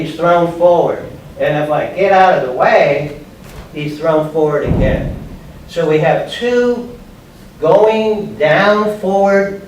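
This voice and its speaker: An older man around sixty teaches a martial arts demonstration, his voice fairly high-pitched and a little mellow, speaking in brief, plain, step-by-step phrases as a judo instructor. The setting is a spacious, bare, padded indoor training room; a far camera microphone makes it echoey, with background noise.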